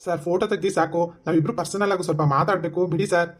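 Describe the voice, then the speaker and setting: A man voicing a young lover in an animated comedy who talks to his girlfriend in a teasing, insistent way. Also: sits high, rapid-fire.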